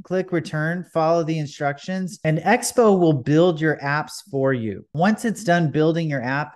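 A man's voice: on the high side, a little mellow. A man hosting a coding tutorial, talking casually over a screen recording with frequent fillers. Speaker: developer tutorial host. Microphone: voice-over on a desktop screen recording.

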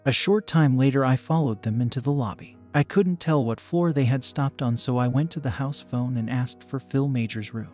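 A man reading a first-person relationship story in a plain, steady voice, spelling out swear words instead of saying them. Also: medium pitch, normal speed, few pauses, faint music behind. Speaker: story narrator.

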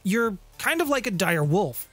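In a home room lined with guitars, a middle-aged man presents a scripted game-lore explainer for his tabletop lore channel, playful and theatrical. His high-pitched voice is sing-song, unhurried, and a bit bright, captured close on a studio condenser mic with a pop filter over background music.

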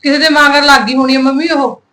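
An actress playing a consoling young sister-in-law. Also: female voice, sits high, steady tone, fairly quick, bright, forceful tone, slight background noise. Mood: concerned.

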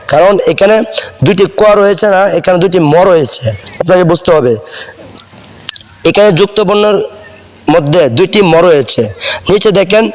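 A man's voice: sits high, in a large hall. A man teaching spelling, sounding words out letter by letter and often checking that the listener has understood. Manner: spells words out slowly letter by letter, repeats them. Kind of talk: spelling lesson.

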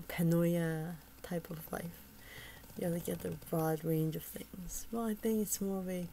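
A soft-spoken woman with a low-ish, gravelly voice chats casually about a poem and its translation. She's hesitant, with many fillers and restarts, and often drops almost to a whisper. The recording is low quality, with slight background noise.

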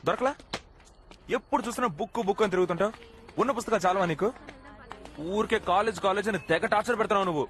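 A cheeky, fast-talking young man. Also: sits high, fairly bright tone, a little hiss or hum. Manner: teasing, scolding.

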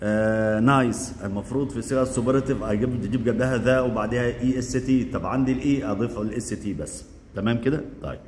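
A man's voice: mid-range voice, rapid-fire, darkish tone. Egyptian guy teaching english grammar, rattles off questions and answers them, faint hiss, echoey room. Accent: Egyptian Arabic. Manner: drills forms aloud, asks and answers his own questions. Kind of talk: classroom grammar lesson.

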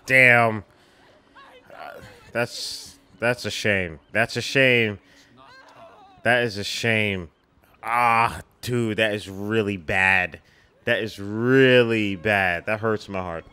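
This is a man hosting a casual film reaction. He talks slowly in a bright, forward voice. He exclaims, says lines over and over and laughs a lot. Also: fairly low pitch, clean tone. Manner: exclaiming, repeating phrases, laughing often.

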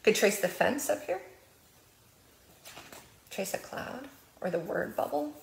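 A woman's voice: medium pitch, lively intonation, slow, creaky, slight background noise. Playful librarian woman with American accent. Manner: playful sing-song when reading, with animal sounds. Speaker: children's librarian. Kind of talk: storytime reading and early literacy tips. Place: library room. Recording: echoey room.

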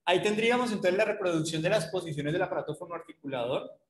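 Echoey lecturing man, rather high voice. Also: animated, quick pace. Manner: explanatory, asks the class rhetorical questions. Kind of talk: online university lecture.

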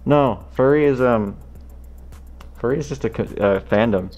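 A man in a fursuit chatting with strangers on a video chat, calm and dry with a teasing sense of humor. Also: medium pitch, measured pace, muffled recording, soft background music. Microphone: talking from inside a fursuit head.

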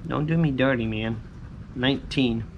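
A man's voice: mid-range voice, normal speed, highs cut off. A man in his thirties chatting casually to viewers as host, in short, repetitive, informal phrases, recorded outdoors on a patio. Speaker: scratch-off lottery video host. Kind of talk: casual chat to viewers while scratching tickets. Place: covered outdoor patio by a pool. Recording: clear ambient background noise.

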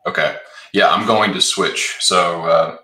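A man's voice: low voice, fairly even intonation, measured pace, pushed and bright. A man on a group video call, making casual, brief replies while he sets up his screen sharing as a conference presenter. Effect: voice heard over a group video call. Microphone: computer mic on a video call. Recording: echoey room over a video call.

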